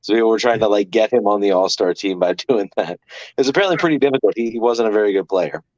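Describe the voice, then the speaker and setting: A man's voice: on the low side, fast, darkish tone, dry recording. A man calling in by phone as a guest, chatting casually and joking with a laugh. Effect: heard over a phone line. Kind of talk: casual chat. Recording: lo-fi phone call.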